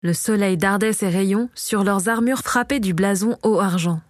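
A woman reading a fantasy novel aloud as narrator, in a steady storytelling voice, close to the mic. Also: medium pitch, moderate pace, dry recording. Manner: steady, even storytelling read. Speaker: audiobook narrator. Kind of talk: scripted narration.

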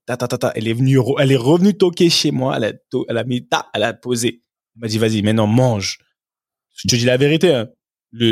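A man's voice: mid-range voice, dry recording, clean studio sound. A man who is a former professional footballer, a guest telling anecdotes in a casual podcast chat and often adding "tu vois".

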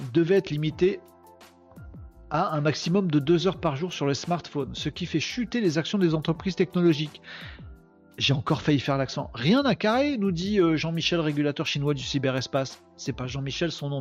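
A man's voice: a little high, lo-fi sound. A man hosting a daily live web podcast, joking and interrupting himself while chatting with his audience. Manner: joking, self-interrupting, talks to chat. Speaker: podcast host. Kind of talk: casual live commentary on news.

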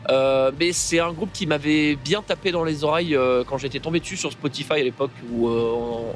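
A man's voice: on the high side, brisk, soft background music. A French man talking casually and hesitantly from inside a car. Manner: hesitant, relaxed. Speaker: podcast co-host.

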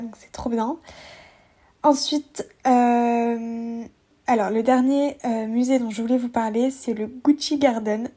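A young woman with a soft, mellow tone and a slightly high voice. She talks in a relaxed, chatty way, full of little fillers and restarts, as she shares her travel tips. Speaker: travel podcaster. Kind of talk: casual travel recommendations.

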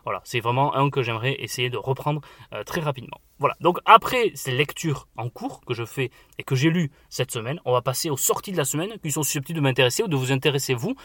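A man hosting a casual book podcast, chatty and enthusiastic, often filling pauses with "voilà". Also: mid-range voice, lively intonation, pushed and bright, no room sound, clean studio sound. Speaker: podcast host.

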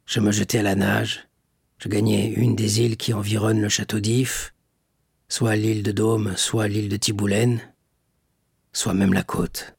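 A man's voice: little pitch movement, measured pace, gravelly, a little mellow, husky, no echo, studio quality, full character voice. A man doing a sepulchral old prisoner. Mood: explaining. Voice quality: low, sepulchral, muffled. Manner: questioning, terse, then despairing. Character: aged male prisoner, grave, weary, heard through a wall.

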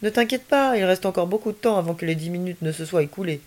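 A woman's voice: on the low side, quick pace, darkish tone, lightly acted. A woman voicing Ami, a cheerful alien boy. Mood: carefree. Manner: playful, unruffled, laughing easily. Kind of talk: children's story reading.

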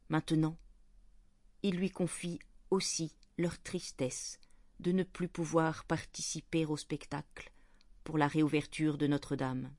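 A woman reads a children's Christmas story aloud in a clear, gentle, measured voice. Her pitch sits on the lower side for a woman. The recording is dry and close, with no room sound. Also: no echo. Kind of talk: storybook narration read aloud.

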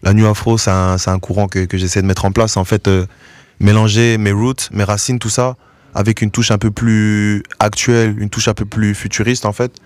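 A man's voice: lowish voice, moderate pace, dry recording. Laid-back young man from DR Congo. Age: 20s. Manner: relaxed, laid-back, mixes English slang. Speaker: guest musician. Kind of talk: casual radio interview.

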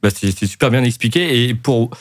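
A man's voice: medium pitch, brisk, dry recording, clean studio sound. A male podcast host with an English accent, asking questions in a hesitant way and searching for his words. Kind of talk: interview questions.

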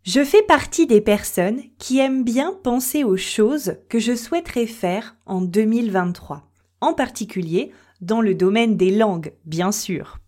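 A woman hosts a French-learning podcast and explains each point with care. Her voice sits a little high and moves freely up and down. She speaks slowly and speaks to her listeners directly. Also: animated, a little mellow. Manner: addresses listeners directly with questions and examples. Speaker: French teacher and podcast host. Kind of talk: slow, clear podcast lesson for French learners.

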